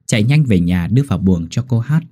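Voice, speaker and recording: A man narrating a scripted story in an animated, expressive way. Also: lowish voice, fast talker.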